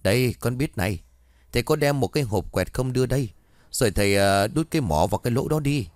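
A man's voice: medium pitch, expressive, quick pace, a little mellow, no room sound, lightly acted. A man doing a cheeky young apprentice. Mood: playful.

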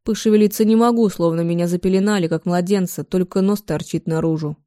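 Woman narrating an audiobook, first person, even and measured, mellow dark voice, dead dry sound. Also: fairly low pitch, no echo. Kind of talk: first-person novel reading.

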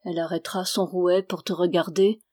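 A woman reading a historical novel aloud in a measured, steady way. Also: on the low side. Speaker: audiobook reader.

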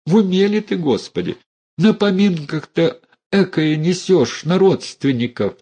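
A man's voice: a little high, big pitch swings, measured pace, mellow, breathy edge, voice pushed up, full character voice. A man voicing a frightened older mother who pleads with and scolds her daughter. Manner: anxious pleading.

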